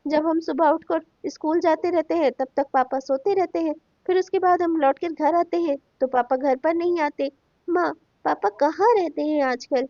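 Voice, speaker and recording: A woman's voice: high-pitched, normal speed, dark tone, dry recording. A woman voicing a school-age child in a cartoon drama, plaintive and rambling as it complains. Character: chatty school-age child missing dad. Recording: dry, dull lo-fi sound.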